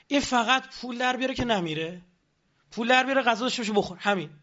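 A man's voice: very high-pitched, sharp tone, dull audio. A man giving a lecture on politics, addressing the audience with rhetorical questions.

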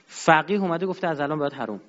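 A man with a high voice lectures with force, swinging between loud peaks and low asides. The sound is dull and lo-fi, with a long hall reverb trailing behind him. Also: lively intonation. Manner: emphatic, rising and dropping sharply. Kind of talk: religious-political lecture.

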